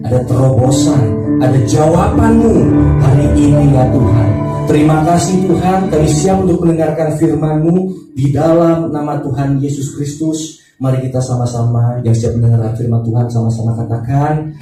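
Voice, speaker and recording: A man from Thailand serving as pastor, praying and then preaching a sermon in a church service and inviting the congregation to answer back, unhurried and with pauses. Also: fairly high pitch. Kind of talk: sermon with opening prayer. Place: church worship hall. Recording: very echoey hall, mic at a distance, faint music.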